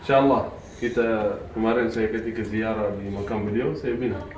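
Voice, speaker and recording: A man's voice: on the low side, normal speed. Man, host, casual chat, pious interjections, echoey room. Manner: responds with short pious interjections.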